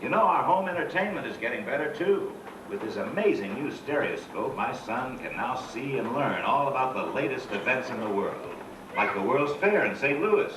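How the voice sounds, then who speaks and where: A man's voice: mid-range voice, sing-song, normal speed, recorded from a distance, noisy background. A man playing a cheerful, proud turn-of-the-century father, folksy and boastful, heard from an old home VHS tape of a theme-park show. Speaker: animatronic show narrator. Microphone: camcorder in the audience. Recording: echoey show hall taped from afar. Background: loud show music.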